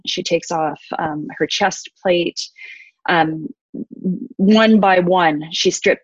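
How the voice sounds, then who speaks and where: A woman's voice: lowish voice, no echo, lo-fi sound. Thoughtful woman retelling a myth. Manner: thoughtful, many fillers and restarts. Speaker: interview guest, storyteller.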